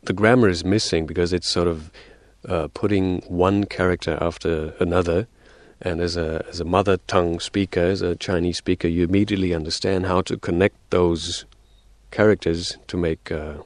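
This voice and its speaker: On the radio as an interview guest, this man gives long explanations broken up by many fillers and restarts, organizing his points into numbered theories. He speaks at a moderate pace in a low, steady voice, and the recording is dry.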